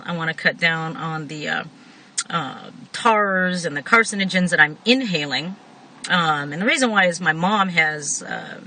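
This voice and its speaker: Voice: medium pitch, sharp tone, low-quality recording. A person giving a casual, rambling product review in a chatty way, talking with a tobacco pouch tucked in the upper lip. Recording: noticeable background noise.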